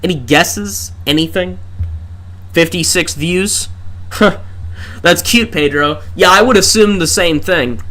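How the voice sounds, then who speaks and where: On the high side with a sharp tone, this man's voice comes through a desk microphone as he streams a game, clearly exhausted. The gaming livestreamer rambles in a rant, talking through his thoughts with lots of rhetorical questions and restarts.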